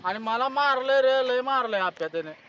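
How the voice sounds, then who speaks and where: High-pitched whiny pleading man. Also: lively intonation, moderate pace, pushed and bright, dull audio. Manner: whiny, pleading, tearful complaining. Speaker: comic sketch performer. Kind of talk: comic phone call sketch.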